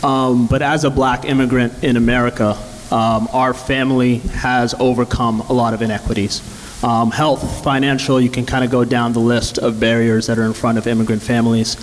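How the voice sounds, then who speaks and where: A man's voice: medium pitch, flat delivery, moderate pace. Earnest male founder from Zambia. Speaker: startup founder on a panel. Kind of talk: panel discussion answer. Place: event hall. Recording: reverberant hall with faint hiss.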